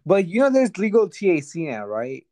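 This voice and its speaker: A man's voice: sits high, huge pitch swings, moderate pace, a little mellow, no echo, low-quality recording. A drunk twenty-one-year-old man hosting a casual chat, laughing a lot, swearing heavily and rambling. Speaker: podcast host.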